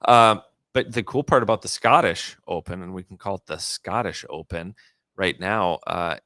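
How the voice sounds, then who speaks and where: A man's voice: deep voice, moderate pace, sharp tone, no echo. A man is chatting on a golf show. He talks loosely and keeps correcting himself. The sound is close and dry. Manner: chatty, self-correcting, jokes about his own radio DJ voice. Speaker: golf podcast co-host. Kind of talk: casual chat.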